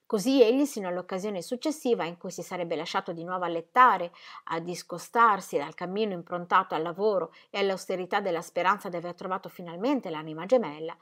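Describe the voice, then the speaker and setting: A woman narrating a novel aloud with steady, measured delivery. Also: on the low side. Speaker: audiobook reader. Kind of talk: literary reading.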